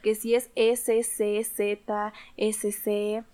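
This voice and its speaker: A young woman, co-hosting a casual podcast chat in a lively, emphatic way. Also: mid-range voice, drawn-out words. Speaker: podcast co-host.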